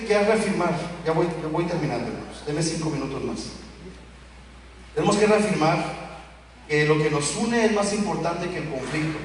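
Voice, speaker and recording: Male pastor, Mexican accent, animated sermon, high voice, far from the mic in a reverberant hall, faint ambient noise. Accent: Mexican Spanish. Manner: animated, acts out quoted voices of children and parents. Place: church hall.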